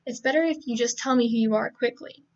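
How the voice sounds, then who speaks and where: A woman reading the lines of a cold, sharp-tongued teenage boy from a novel, in a curt, insulting manner. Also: on the high side, fast talker, distant mic, lo-fi sound, lightly acted. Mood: cold, scornful. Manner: curt, insulting, flat delivery.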